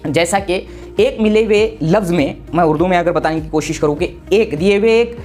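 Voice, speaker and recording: A man's voice: high-pitched, a little fast, a little mellow, faint music behind. A man from Maharashtra, a teacher giving a casual exam-prep lesson, explaining with many repeats and restarts. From Maharashtra, India.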